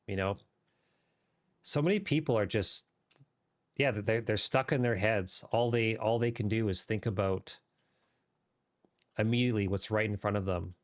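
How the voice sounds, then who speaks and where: A man streaming a game live, chatting casually and riffing off the cuff in a rambling way. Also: fairly low pitch. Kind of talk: casual livestream chat while gaming.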